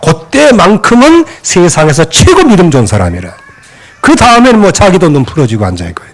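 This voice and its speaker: A man preaching a sermon as pastor in a church, animated and acting out quoted scolding voices. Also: high voice, a little fast. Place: church sanctuary.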